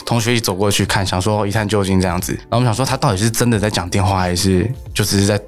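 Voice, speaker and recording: A young man speaks Mandarin with a Taiwanese accent in a casual student chat. He tells anecdotes at a brisk pace, with soft music underneath. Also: lowish voice, fairly even intonation. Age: young adult. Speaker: student guest.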